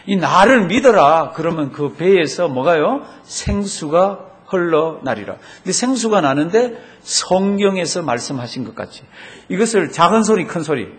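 Male pastor mid-sermon, fairly high and very animated voice, stretches out quoted verses, keeps quizzing the flock. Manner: animated preaching, drawn-out quoted verses, rhetorical questions to the congregation.

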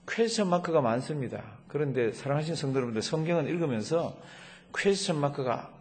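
A middle-aged male pastor preaching a sermon, asking rhetorical questions and slowing down to read scripture aloud, in a church sanctuary. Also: fairly high pitch, a little mellow. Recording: long church hall reverb.

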